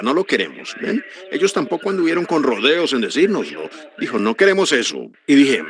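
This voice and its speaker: A man preaching a sermon, earnest and animated, breaking into sudden high exclamations.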